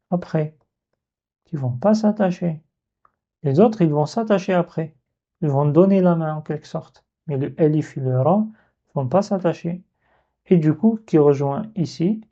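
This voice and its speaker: Male teacher, patient, step-by-step, very dark tone, dull lo-fi recording. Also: a little high. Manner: patient, repeats and breaks sounds into syllables. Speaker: Arabic teacher. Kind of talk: video lesson.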